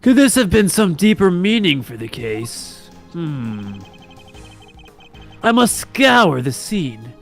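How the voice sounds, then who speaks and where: A man voicing a dry, sarcastic young male investigator in an improvised comedic fan dub, deadpan and teasing. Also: fairly high pitch, slow, faint music behind, exaggerated voice.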